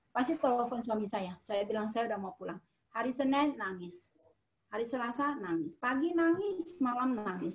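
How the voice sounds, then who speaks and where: Middle-aged woman from medan doing a motivational talk, high voice, pushes hard then drops quiet, says things over and over. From Medan, Indonesia. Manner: emphatic, repetitive, shifts from loud to quiet. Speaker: motivational speaker.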